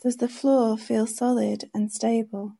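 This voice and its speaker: Female meditation guide: soft, very warm and dark timbre, drawn-out calm delivery. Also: on the high side, vocal fry, slightly rough. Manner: gentle, soothing, unhurried instructions.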